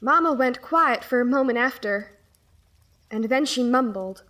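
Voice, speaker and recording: A young girl narrating her own story in a high, youthful voice. She sounds choked up, as if fighting back tears. It is an audio drama performance. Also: unhurried, a bit bright. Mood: wistful. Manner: emotional, close to tears. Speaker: lead character and first-person narrator.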